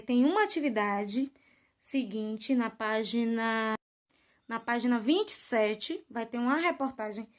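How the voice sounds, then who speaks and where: A woman teacher, giving a lesson to children, drawing out example words slowly and often checking that they follow. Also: fairly high pitch, fairly bright tone. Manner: slow drawn-out stress on example words, frequent "né?" and "tá bom?" checks.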